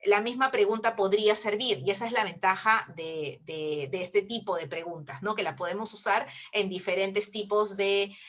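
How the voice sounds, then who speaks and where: A woman's voice: mid-range voice, fairly even intonation, normal speed, hardly any pauses, a bit bright, highs cut off. A woman with a Peruvian Spanish accent giving a teacher-training webinar over a video call, explaining step by step and often checking in with her listeners. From Peru. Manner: explanatory, with frequent tag questions.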